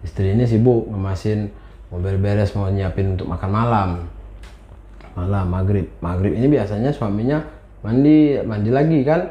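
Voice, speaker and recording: A man's voice: on the low side, moderate pace, slight background noise. A man casually narrating a horror story in short phrases, acting out the quoted lines. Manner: acts out quoted speech, many short phrases. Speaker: storyteller guest. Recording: roomy, dull lo-fi sound.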